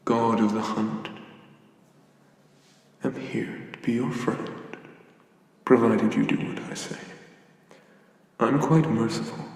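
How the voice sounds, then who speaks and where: Man playing Atlas, slow Irish giant god, whispered role-play. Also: on the low side, vocal fry. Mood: courteous, wistful. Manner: slow, measured, formal, condescendingly gentle giant. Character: giant old god of the hunt, courteous but menacing. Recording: echoey hall-like reverb, somewhat distant.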